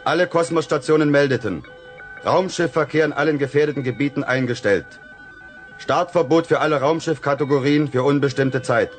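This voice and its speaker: A man's voice: on the high side, a little fast, faint music behind, close to an everyday voice. An actor playing a male announcer reading an official space dispatch in a formal way, in a radio drama.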